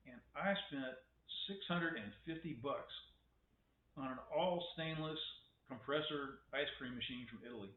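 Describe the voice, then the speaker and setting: A vlogger rambles through a casual webcam monologue, wry and opinionated, tripping over restarts as he goes a little slowly. His voice is ordinary in pitch, and the sound is thin and phone-like in an echoey room.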